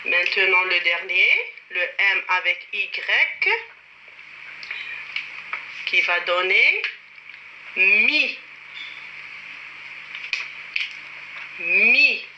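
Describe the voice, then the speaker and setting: A woman teaching French to young children in a slow, drawn-out way, counting strokes aloud and having the class repeat after her. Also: on the low side, animated. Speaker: primary school French teacher. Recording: dull lo-fi recording with clear background noise.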